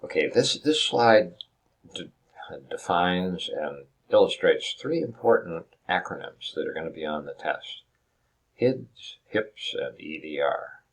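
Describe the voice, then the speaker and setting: A man with a very low, deep voice delivers a recorded lecture over slides. He explains each term step by step, restarts his sentences often and poses rhetorical questions to his students. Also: big pitch swings, takes it slowly. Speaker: instructor.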